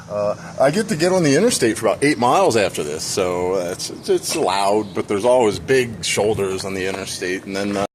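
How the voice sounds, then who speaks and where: A man's voice: lowish voice, lively intonation, moderate pace, rough recording. A man on a bike tour chatting casually to camera in a rambling, laughing way, outdoors by a road. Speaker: bike touring vlogger. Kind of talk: casual vlog chat. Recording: outdoor clip with wind and traffic noise.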